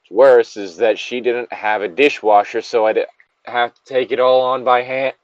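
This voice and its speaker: The muffled, dry recording captures a man with a medium-pitched, steady voice at a moderate pace. A podcast co-host, he reads a story aloud with commentary in casual chat, swearing freely and rambling off on digressions.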